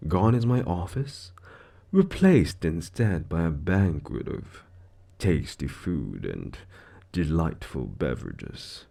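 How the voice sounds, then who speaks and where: Smug suave devil for audio roleplay, super slow and gravelly, fake polite and condescending. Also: male voice, low voice, sing-song, dark tone, full character voice. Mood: silky menace. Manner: theatrical, condescending, mock-courteous, drawn-out dramatic phrasing. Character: suave, smug male devil, menacing soul-contract broker in Hell. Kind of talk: scripted audio roleplay monologue.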